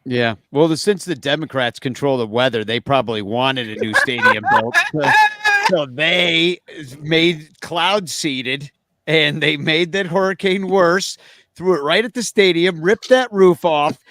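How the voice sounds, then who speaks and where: A man co-hosting a casual baseball chat, making sarcastic jokes in a deadpan way. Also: fairly high pitch, measured pace, background noise. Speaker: podcast co-host.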